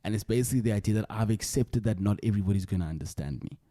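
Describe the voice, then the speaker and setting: Young south african guy hosting a podcast, lowish voice, slangy, repeats himself, dry close sound. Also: very fast, mellow, dry recording. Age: young adult. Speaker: podcast host. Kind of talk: casual chat.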